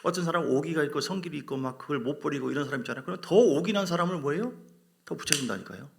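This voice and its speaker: A male pastor preaching a dramatic sermon, swinging between loud bursts and whispers and acting out biblical figures. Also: fairly high pitch, lively intonation, racing, gravelly. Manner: acts out voices of biblical figures.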